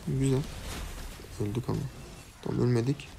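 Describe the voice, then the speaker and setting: A man's voice: medium pitch, fairly even intonation, a little fast, vocal fry, noisy background. A man giving casual commentary over his own gameplay, muttering to himself and his team and venting his frustration with the game. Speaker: gaming YouTuber.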